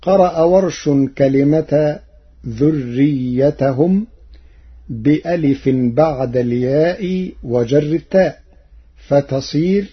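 A man's voice: fairly high pitch, slow, husky. A man teaching variant readings of the Quran, chanting each quoted phrase before he explains it. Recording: dull lo-fi recording.

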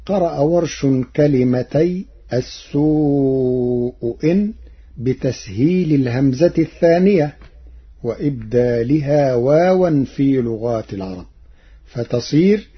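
A man's voice: mid-range voice, lively intonation, slow pace, husky. A man teaching variant readings of the Quran, chanting each quoted phrase before he explains it. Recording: dull lo-fi recording.

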